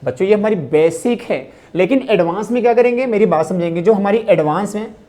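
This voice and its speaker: A woman teaching a grammar lesson to students, repeating key phrases slowly and asking rhetorical questions as she explains. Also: mid-range voice, animated, dark tone.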